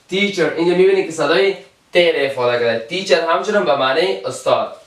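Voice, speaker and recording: A man with an Afghan Dari accent teaching English letter sounds, repeating each example word slowly. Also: a little high, a bit bright. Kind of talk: alphabet pronunciation lesson. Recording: roomy, from a distance.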